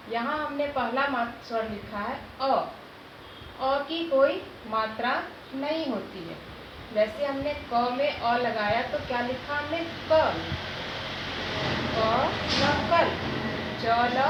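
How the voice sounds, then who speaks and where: High-pitched woman teacher in an echoey room. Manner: asks questions and answers them herself, sounding out syllables slowly. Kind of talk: classroom lesson explaining Hindi vowel signs. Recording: echoey room, dull low-fi sound, background noise.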